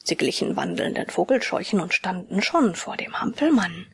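Husky woman narrating a storybook. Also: on the low side, normal speed, whispered. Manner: expressive, often soft and hushed.

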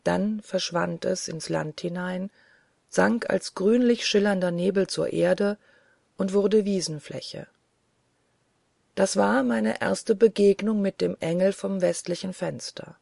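A narrator reads a gothic first-person tale slowly and solemnly, with a dramatic edge. The voice is dark and gravelly, and the recording is dry and close. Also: medium pitch, steady tone, no echo. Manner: slow, solemn, dramatic reading. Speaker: audiobook narrator.

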